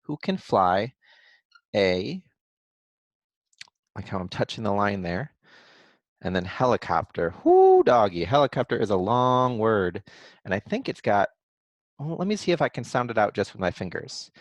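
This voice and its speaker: A man teaching kindergartners to write, thinking aloud slowly and sounding out letters and syllables one at a time. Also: on the low side, animated, dry recording. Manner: thinks aloud in a gentle encouraging way. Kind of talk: modeling writing for young children.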